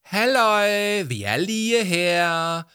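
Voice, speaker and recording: A man voicing a bold, stubborn schoolgirl who shouts in a high, playful voice. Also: big pitch swings, dry recording, studio quality, exaggerated voice. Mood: shouting excited.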